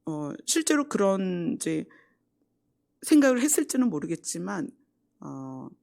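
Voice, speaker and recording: Korean lady pastor, friday prayer sermon, lowish voice that swings up and down a lot, acts out little quotes. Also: very animated, measured pace, gravelly. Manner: conversational, acts out quoted lines, drops to soft asides. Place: church sanctuary.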